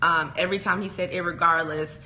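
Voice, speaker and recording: A woman's voice: fairly low pitch, fairly even intonation, a little fast, bright, forceful tone, a little hiss or hum, poor audio. A woman co-hosting a podcast, chatting casually in a rambling, self-deprecating way. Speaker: podcast co-host. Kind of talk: casual chat.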